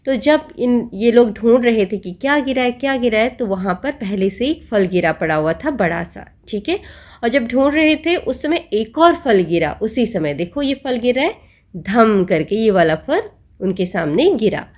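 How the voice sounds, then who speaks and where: A woman's voice: fairly high pitch, lively intonation, a little slow, a little mellow. A woman teacher patiently explaining a children's textbook story, asking the class questions and answering them herself.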